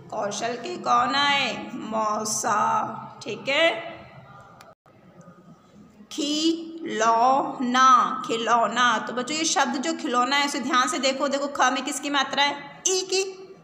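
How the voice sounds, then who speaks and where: A woman's voice: high-pitched, sharp tone. A woman teaching young children to read, stretching words out syllable by syllable and answering her own questions. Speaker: primary school Hindi teacher. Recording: echoey room, faint background hum.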